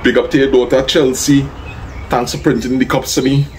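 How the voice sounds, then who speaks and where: A man's voice: mid-range voice, little pitch movement, brisk, darkish tone, a little hiss or hum, rough recording. Easygoing Trinidadian man vlogging. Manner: easygoing, thanks people by name, gives plain advice. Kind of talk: casual vlog chat.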